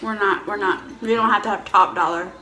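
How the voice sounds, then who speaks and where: Female, bright, informal Q&A host chatting casually, repeats herself while explaining; echoey room. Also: mid-range voice, steady tone, a little fast. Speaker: host of a couple's Q&A mukbang video. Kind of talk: casual chat, answering questions. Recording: roomy echo, faint background noise.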